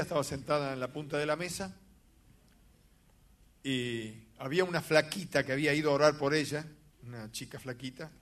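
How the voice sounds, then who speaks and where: A man, a pastor telling a dramatic story in a sermon with sudden loud outbursts. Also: fairly high pitch.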